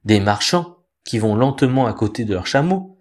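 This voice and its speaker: Un homme raconte une histoire merveilleuse, posément et avec expressivité, d'une voix ni grave ni aiguë. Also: male voice, mid-range voice. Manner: calm, measured, expressive. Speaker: storyteller. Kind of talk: reading a fairy tale aloud.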